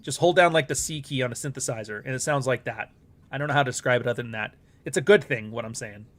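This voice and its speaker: Speaking fast with a mid-range, slightly bright voice, a middle-aged Canadian livestream host keeps things casual. His Canadian accent carries blunt talk full of swearing and tangents that ramble.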